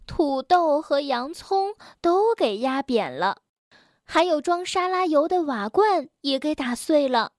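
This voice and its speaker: Animated woman reading a bedtime story. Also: sits high, no echo, clean studio sound. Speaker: children's story reader.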